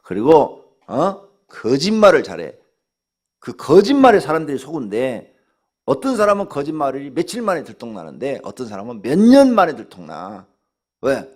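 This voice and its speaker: An older man preaching a dawn sermon as pastor, blunt and scolding, acting out dialogue with sudden jumps in pitch. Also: wildly swooping pitch, normal speed, darkish tone.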